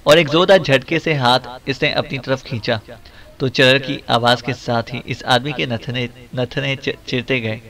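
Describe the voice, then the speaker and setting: This spy thriller audiobook is read by a man at a middle pitch. The delivery stays even and unhurried, holding a steady, dramatic pace throughout.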